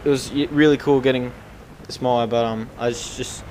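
A man's voice: medium pitch, steady tone, a little fast, a little mellow, a little hiss or hum. Rambling young man over gunfire. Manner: rambling, filler-heavy, chatty. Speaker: gameplay commentator. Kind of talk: casual gameplay commentary.

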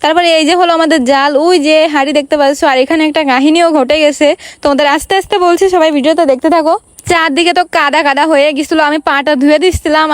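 A woman's voice: high voice, dry recording. A young woman from Bangladesh narrating her village vlog in a chatty voice-over, talking straight to her viewers. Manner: chatty, addresses viewers directly. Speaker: vlogger.

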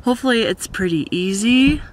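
A woman's voice: fairly high pitch, lively intonation, brisk, slight background noise. A woman in her thirties talking casually and cheerfully to a handheld camera while vlogging a camping trip. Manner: chatty, upbeat, laughs easily. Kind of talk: casual travel vlog. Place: outdoors at a campsite, in a car and a restaurant. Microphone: handheld camera at arm's length.

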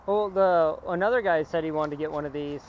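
A man with a fairly high voice hosts a casual outdoor vlog, talking in an easy, relaxed way. He sounds like he is out on a trail. A faint hiss of outdoor noise sits under his voice. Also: fairly quick. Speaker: vlog host. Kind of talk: casual chat while driving RC trucks.

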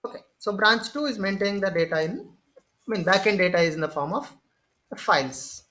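Tech trainer voice for a screen-share lecture: mid-pitched, unhurried, step-by-step, leans on "okay" between points. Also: lively intonation, sharp tone. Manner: explains step by step, often pausing with "okay" and "say"; repeats and restarts phrases while thinking. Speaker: instructor.

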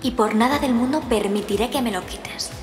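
An actress playing a vengeful, scheming young rival with a Spanish accent in a telenovela monologue. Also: female voice, fairly high pitch, fairly quick, lightly acted. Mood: menacing. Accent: Spanish, from Spain. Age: 20s. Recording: echoing voice-over. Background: prominent music.

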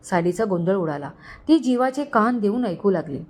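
Female storyteller, scripted story narration, steady and expressive. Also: medium pitch, moderate pace.

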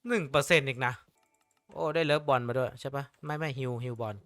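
A man giving casual commentary while he plays a game, excitable and swearing freely as he talks to himself. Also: mid-range voice, quick pace, soft background music. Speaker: gamer.

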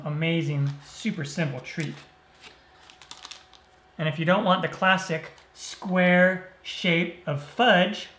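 A man hosting a cooking show, explaining each step of a recipe in a relaxed, easygoing way. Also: sits high. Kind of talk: cooking demonstration. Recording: roomy echo.

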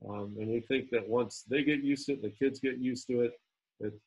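A man speaking as a school administrator at a town hall over a video call, halting with frequent ums and restarts. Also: mid-range voice, fairly even intonation, a little mellow, slightly rough.

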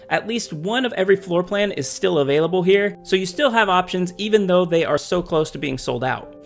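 In a fairly high voice, a real estate agent narrates scripted news about incentives and the prices of new homes. He sounds steady and informative throughout.

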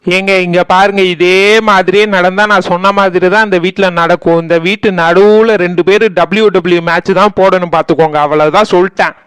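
A voice actor playing a cheeky young wife who talks back to her mother-in-law in a cartoon, speaking with a Kanyakumari Tamil accent and making quick, mocking retorts. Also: mid-range voice, fairly even intonation, fairly bright tone, clean tone, no echo, lightly acted. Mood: indignant.

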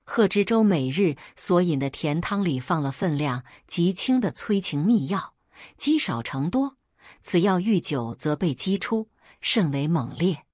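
Storyteller, woman, husky low voice, lively expressive delivery, dry sound. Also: a little slow, no echo. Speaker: narrator. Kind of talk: storytelling narration.

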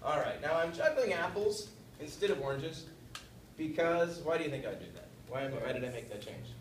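A man's voice: a little high, expressive, brisk. A man giving a playful, upbeat conference presentation and leading the audience along. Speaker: conference speaker. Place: conference hall. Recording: echoey hall, far from mic, background noise.

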